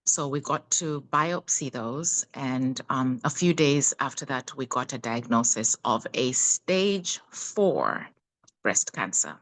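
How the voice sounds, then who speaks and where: A low-pitched woman in her fifties, originally from Uganda, tells her own story slowly and haltingly, full of fillers. She speaks into a phone on a video call. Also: animated, fairly bright tone, low-quality recording. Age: 50s. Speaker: guest speaker. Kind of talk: personal testimony on a video call.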